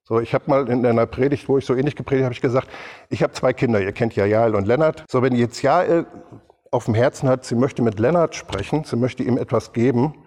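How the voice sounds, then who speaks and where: A man's voice: mid-range voice, fairly quick, darkish tone. Casting note: middle-aged man preaching, chatty and direct with his congregation, voice ringing through a long hall echo. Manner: conversational preaching with asides to the congregation. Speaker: pastor. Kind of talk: sermon. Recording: reverberant hall sound.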